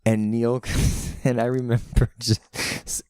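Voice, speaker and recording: A man as a podcast guest, telling stories in casual chat, animated, with dramatic voiced asides. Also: medium pitch, slow pace, no echo, studio quality.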